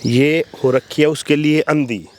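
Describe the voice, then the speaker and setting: A man's voice: fairly high pitch, steady tone, a little slow. A young man hosting a staged help vlog, blunt and scolding as he confronts people. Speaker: host.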